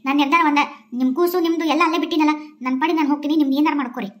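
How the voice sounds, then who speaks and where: A woman's voice: high voice, steady tone, racing, natural voice. A woman voicing a selfish young wife in a cartoon, cold and contemptuous, with a North Karnataka accent. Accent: North Karnataka Kannada. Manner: contemptuous, dismissive.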